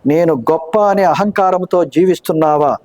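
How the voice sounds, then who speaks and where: A man preaching a sermon, reading scripture slowly and deliberately and asking rhetorical questions. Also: a little high, a little mellow, poor audio.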